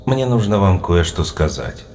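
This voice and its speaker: A man performing a disembodied voice speaking out of the darkness, very low and distant, as though no body stands behind it. It taunts and questions with unhurried calm. Music plays clearly underneath. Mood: commanding. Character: unseen mocking male voice in the dark.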